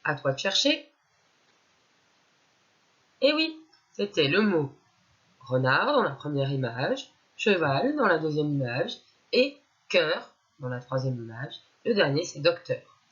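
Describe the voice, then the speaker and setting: A woman's voice: sits low, sing-song, takes it slowly, pauses often, muffled recording. A woman teacher giving a reading lesson to young children, patiently sounding out syllables one by one.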